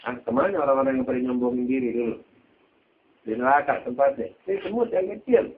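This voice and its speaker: A man preaching a sermon, telling a story, his voice jumping between high exclamations and low asides. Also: sing-song, fast talker. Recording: tinny phone-like sound.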